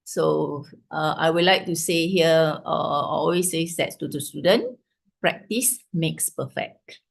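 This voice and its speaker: A woman's voice: low voice, unhurried, gravelly. A Malaysian-accented older woman teaching an informal online class, switching between English and Malay and often adding little tags to check in. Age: 50s or older. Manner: checks in with tags like "right", "ya", "lah". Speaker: chemistry teacher giving an online revision class. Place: online video call with screen share.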